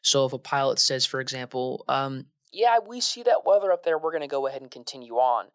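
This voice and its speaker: A man with a medium-pitched voice speaks fairly quickly with no room sound, recounting stories from his job as an air traffic controller. The interview is casual and animated, peppered with slang and acted-out radio exchanges.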